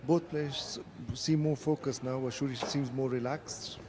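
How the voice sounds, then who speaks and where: A man's voice: medium pitch, fairly even intonation, unhurried, crowd noise. A man giving live darts commentary as one of a pair of commentators. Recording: clearly noisy live event sound.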